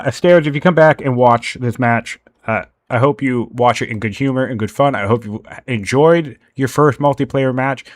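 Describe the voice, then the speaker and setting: A man casting a strategy game tournament in a relaxed, joking way, chuckling and teasing with light sarcasm. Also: medium pitch, dry recording. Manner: jokey, laughs often, playfully sarcastic. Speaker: tournament caster. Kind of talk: casual game commentary.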